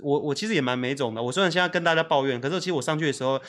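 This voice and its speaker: A man, co-hosting a podcast and telling stories in an animated way, acting out quotes. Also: fairly high pitch, very fast. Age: 30s. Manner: animated, acts out quotes, laughs often. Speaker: podcast co-host. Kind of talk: casual storytelling chat.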